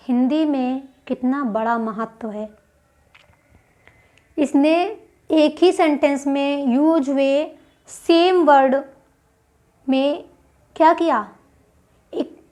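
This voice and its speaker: A woman teaching a grammar lesson for exam prep. She explains step by step and asks questions that she then answers herself. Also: high-pitched.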